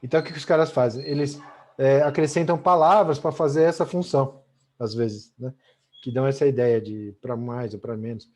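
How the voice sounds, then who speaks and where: A man's voice: medium pitch, steady tone, fairly quick, a little mellow. A middle-aged man with a Brazilian accent, teaching a chatty online language lesson and tagging almost every sentence with "né?". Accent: Brazilian Portuguese. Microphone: video call. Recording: muffled video call audio.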